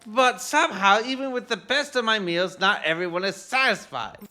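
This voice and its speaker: A lofty, excitable foodie chef who lectures everyone about true cuisine, as a man puts him on. The voice sits high and sharp, with wide swings in pitch. Faint game music plays underneath. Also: normal speed, full character voice. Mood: pompous. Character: pompous wandering male foodie chef.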